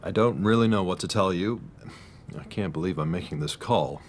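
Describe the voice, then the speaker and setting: An actor playing an earnest, worried middle-aged husband confiding in a doctor in a radio drama. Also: male voice, low voice, moderate pace, a little hiss or hum, close to an everyday voice. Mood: troubled, confiding.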